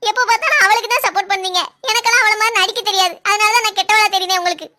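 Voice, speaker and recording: A woman voicing a sharp-tongued young wife in a family comedy skit, quick, sarcastic and indignant. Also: very high voice. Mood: shrill.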